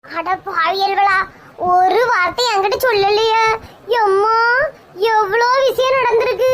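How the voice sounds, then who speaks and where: A woman's voice: extremely high pitch, a little slow. A woman with a Kanyakumari Tamil accent playing a nosy, gossiping friend in a comedy skit, full of dramatic exclamations. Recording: clear background noise.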